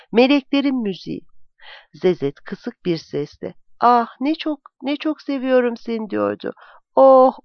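A narrator giving a measured, expressive literary audiobook reading, dropping low and quiet on the narration tags. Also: dry recording. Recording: dull, dry close-miked recording.

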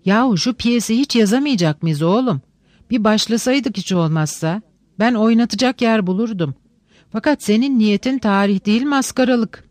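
Reader voicing a gruff old colonel. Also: mid-range voice, expressive, moderate pace, a little mellow, dry recording, natural voice. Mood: scolding. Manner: grumbling, then scolding. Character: gruff older male colonel, impatient. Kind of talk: audiobook reading.

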